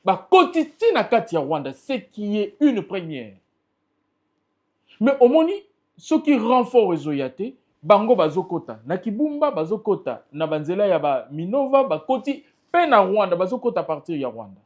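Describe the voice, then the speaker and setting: High-voiced, darkish in tone and very animated, this man talks at a moderate pace. He's a political party spokesperson with a Congolese French accent, speaking as an emphatic, impassioned interview guest.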